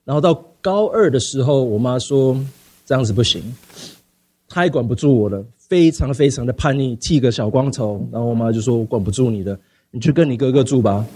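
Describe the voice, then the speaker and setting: A young man telling a personal story, halting, with many fillers and repeated words and some English mixed in. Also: mid-range voice, warm tone, breathy edge. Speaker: speaker sharing a personal testimony.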